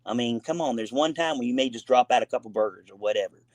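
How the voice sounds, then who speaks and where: A man's voice: medium pitch, fast, no echo. A man with a son, hosting a casual gaming talk show, talking in long, rambling, emphatic runs full of fillers and restarts. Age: adult with a son.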